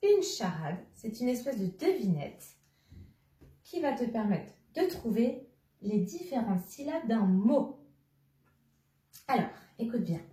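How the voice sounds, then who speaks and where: A woman teacher talks gently and slowly to a child, walking through riddles step by step and repeating each clue. Her voice is fairly high but mellow. She sounds a little far from the mic in a roomy space. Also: very animated. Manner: slow, patient, addresses a child directly, repeats clues. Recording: roomy, somewhat distant mic.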